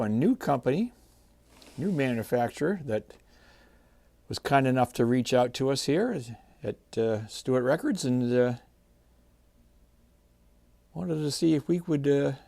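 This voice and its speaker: A man hosting a guitar channel, chatting in a relaxed, folksy way while unboxing a new guitar. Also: mid-range voice, a little slow, vocal fry, pauses often, dry recording. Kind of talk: casual unboxing vlog.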